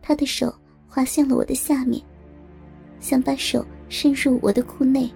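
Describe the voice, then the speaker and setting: A woman telling a first-person story in calm, steady narration. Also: sits high, normal speed, vocal fry, soft background music.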